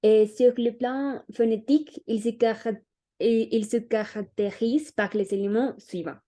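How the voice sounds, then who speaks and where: A young woman delivers a class presentation at an unhurried pace, pausing on fillers as she reads. Her tone is deep and mellow. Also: fairly even intonation. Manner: hesitant, read-aloud delivery with fillers. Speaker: student presenter.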